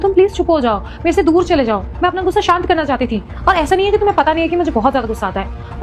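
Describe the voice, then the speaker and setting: A woman playing a hot-tempered young wife in a short domestic drama, who scolds, justifies herself and pleads. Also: very high voice. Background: faint background music.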